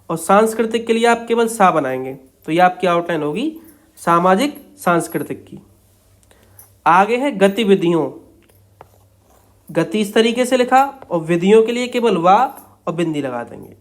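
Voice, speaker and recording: A young man teaching shorthand, explaining each outline step by step in a patient, repetitive way. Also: high voice. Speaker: stenography teacher.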